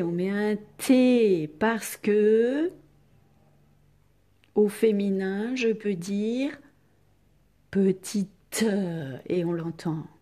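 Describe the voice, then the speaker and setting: A woman teacher giving a slow, patient reading lesson to young children, sounding out syllables and asking the class questions. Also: mid-range voice, mellow. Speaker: primary school teacher.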